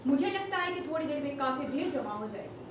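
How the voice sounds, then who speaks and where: A woman's voice: sits high, animated, brisk, a little hiss or hum. An actress on stage playing a female TV field reporter who reports earnestly to the anchor. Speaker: stage actor. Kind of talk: stage play acting. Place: theatre stage. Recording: echoey hall, captured from far off.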